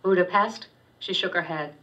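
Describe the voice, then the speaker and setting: At a public university reading, a woman author reads her own first-person fiction aloud, steady and wry with a few small stumbles. Her voice is lowish and fairly quick. The recording sounds distant, dull and lo-fi.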